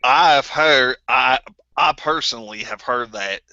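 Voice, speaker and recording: A man's mid-range, sharp voice comes at a measured pace with no echo, captured on a dull lo-fi recording. Playing a crude, embittered former group member, he puts on a New Zealand accent and stumbles through rambling, stammering speech.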